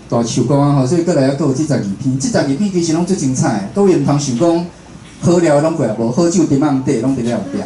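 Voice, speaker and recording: Speaking in a mellow, mid-range voice, a Taiwanese-accented man chats informally through a public talk and frequently caps his phrases with a small confirming tag. He's a radio host and programme producer at an indoor talk venue with people seated before him. Roomy echo and faint background noise colour the audio.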